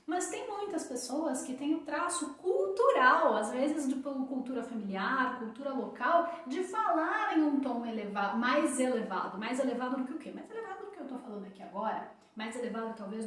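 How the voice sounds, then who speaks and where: A Brazilian woman with a high voice co-hosts a live chat, explaining patiently and repeating her phrases for emphasis. She sits well back from the mic, so her voice rings around a very echoey room. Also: recorded from a distance. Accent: Brazilian Portuguese. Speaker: co-host of a live talk on emotional awareness.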